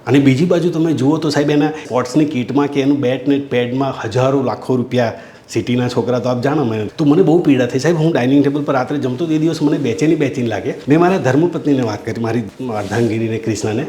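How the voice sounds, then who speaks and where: A man's voice: medium pitch, fast, warm tone. A middle-aged man with a Gujarati accent, a school principal telling a heartfelt story from his school and addressing his listeners as sir. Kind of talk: storytelling talk. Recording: echoey room.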